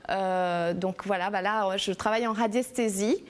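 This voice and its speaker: A woman's voice: medium pitch, steady tone, normal speed. A woman from New Caledonia, an energy healer, explaining her practice in an interview, with many fillers and restarts. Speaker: energy healer and massage therapist.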